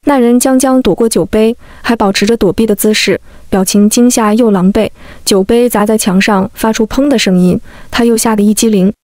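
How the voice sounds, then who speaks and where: A woman reading a first-person emotional story as scripted narration, in a calm, steady manner. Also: on the high side, a little fast, hardly any pauses, no echo, studio quality.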